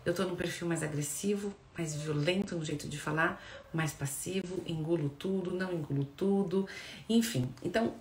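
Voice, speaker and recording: A woman's voice: lowish voice, normal speed. Brazilian woman psychologist in echoey room. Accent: Brazilian Portuguese. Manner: lively, addresses listeners directly with frequent checks. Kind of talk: explanatory talk to viewers. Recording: echoey room with faint background noise.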